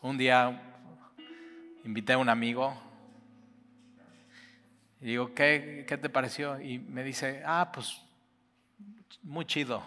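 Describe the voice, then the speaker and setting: Impassioned preacher in a reverberant hall. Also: male voice, mid-range voice, steady tone, takes it slowly, long pauses. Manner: impassioned, swings from loud to hushed. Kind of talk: sermon. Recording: reverberant hall with soft guitar.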